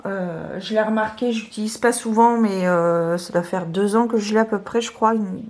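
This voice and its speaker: A woman chats casually about her tarot decks, pausing often with fillers and restarting her sentences. Her voice sits at an ordinary middle pitch and sounds a little hoarse. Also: steady tone, a little mellow. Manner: hesitant, many fillers and restarts. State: slightly hoarse, clearing her throat. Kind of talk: casual video presentation.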